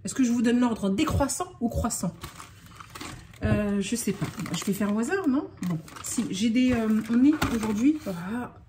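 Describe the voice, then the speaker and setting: A woman's voice: fairly high pitch, expressive, normal speed, noisy background. A woman from France in a casual unboxing vlog, talking in a scattered, self-interrupting way and getting worked up. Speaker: vlogger.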